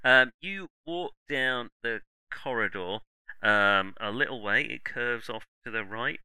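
A man's voice: mid-range voice, unhurried, bright, forceful tone, clean tone, no echo, low-quality recording. A man running a tabletop game as game master, hesitant and self-mocking, with lots of ums.

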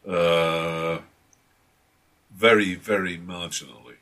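A man's voice: sits low, fairly even intonation, slow, a bit bright. A man, a tabletop game master, chatting casually and hesitantly with many restarts and fillers. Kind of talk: casual chat.

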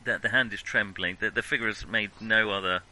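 A man's voice: on the low side, fairly even intonation, fairly quick, bright, forceful tone, poor audio. A man narrating a tabletop game as game master, hesitant and full of fillers and restarts.

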